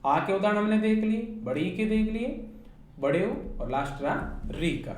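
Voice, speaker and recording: A woman's voice: mid-range voice, animated, moderate pace, darkish tone. A woman teacher with a Hindi accent giving an online class lecture, explaining step by step and asking her students rhetorical questions. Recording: very echoey room with faint noise.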